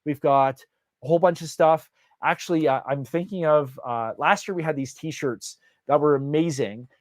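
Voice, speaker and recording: A man's voice: on the high side, moderate pace, dry recording, studio quality. A man hosting a casual live question-and-answer session as a conference organizer, talking loosely with many fillers and restarts.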